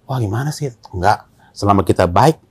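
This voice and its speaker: A man appearing as a storyteller guest spins a tale in casual chat, his voice lowish and his pace brisk. He is animated and acts out the dialogue in slang.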